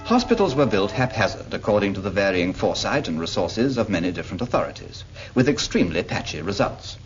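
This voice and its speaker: This British narrator of a 1940s public information cartoon speaks fast, with a lowish voice and big pitch swings. He addresses a character patiently and explanatorily in scripted film narration. The sound is a dull 1940s soundtrack with music.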